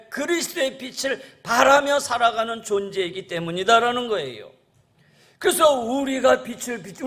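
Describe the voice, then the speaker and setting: His voice is extremely high and fairly bright as this male pastor preaches to the congregation. He reads scripture aloud, repeats "라는 거예요" endings, and calls out "여러분" to the listeners in an earnest, repetitive way.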